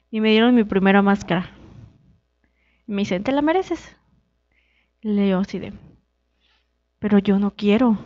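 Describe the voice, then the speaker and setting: A woman's voice: no echo, dull audio. A young woman from Mexico, a wrestler being interviewed, telling her story casually and acting out the dialogue. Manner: animated, acts out quoted dialogue with shifting pitch. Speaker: guest, wrestler.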